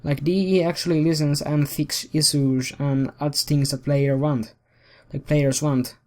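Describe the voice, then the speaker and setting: A man's voice: on the high side, fairly even intonation, a little slow, a little mellow. A man hosting a commentary video, ranting in a heated, profane and rambling way.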